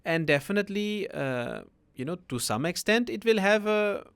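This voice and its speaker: A man's voice: high-pitched, animated, moderate pace, a bit bright, clean tone. A man, a guest spiritual teacher explaining things patiently on a podcast, often tagging his sentences with a questioning "no?". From Netherlands.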